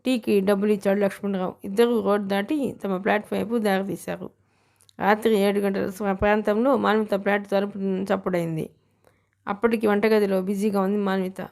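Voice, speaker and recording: A woman narrating a novel in an even, unhurried reading voice. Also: medium pitch, vocal fry. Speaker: audiobook narrator. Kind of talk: storybook narration.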